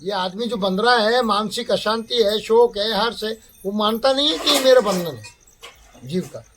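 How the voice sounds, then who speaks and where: A man's voice: high-pitched, expressive, a bit bright, a little hiss or hum. A man giving a spiritual satsang discourse, explaining each term by repeating and defining it. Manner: slow, explains terms by repeating and defining them. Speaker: spiritual teacher.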